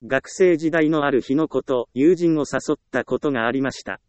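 A man narrating a self-help book in a calm, measured reading voice with even pauses. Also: medium pitch, smooth. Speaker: audiobook narrator.

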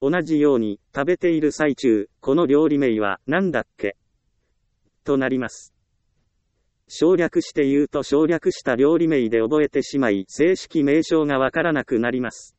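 A man calmly narrating a self-help book, reading advice in an even, instructive way. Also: mid-range voice, normal speed, clear, resonant tone, dry recording.

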